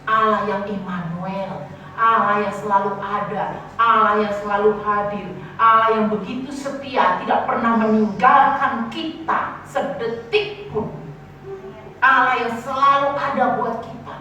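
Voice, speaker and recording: A woman preacher giving a lively sermon, teasing and calling out to her congregation. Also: mid-range voice, measured pace, lo-fi sound, slight background noise. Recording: echoey church hall from far off.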